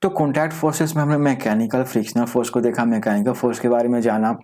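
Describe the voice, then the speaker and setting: A man teaching a school science class online, often asking rhetorical questions and mixing in English terms, reading definitions out slowly. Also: mid-range voice, fairly even intonation, a little mellow. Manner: explains with frequent rhetorical questions. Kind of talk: recorded online class lecture.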